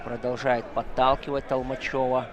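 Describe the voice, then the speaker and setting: A man's voice: medium pitch, flat delivery, moderate pace, highs cut off. A man giving live wrestling commentary in short play-by-play remarks. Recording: noisy hall with clear crowd sound. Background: crowd and arena noise.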